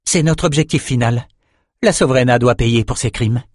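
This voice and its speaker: A man's voice: medium pitch, normal speed, darkish tone, no room sound, studio quality, lightly acted. A man voicing a proud, wary sorceress, speaking in a resolute, commanding way.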